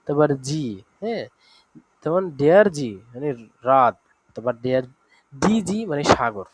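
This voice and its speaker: A man teaching an online language lesson, running through word examples slowly with fillers and check-ins. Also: fairly high pitch, expressive, background noise.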